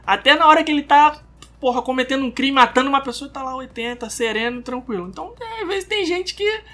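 A man co-hosting a casual chat, an animated storyteller who acts out quoted dialogue. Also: very high-pitched, fast talker.

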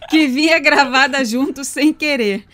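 A Brazilian woman with a slightly high voice reads listener messages aloud in a relaxed, chatty way. She adds brief remarks between the comments, as a podcast co-host. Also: unhurried. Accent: Brazilian Portuguese. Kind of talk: reading listener comments, casual chat.

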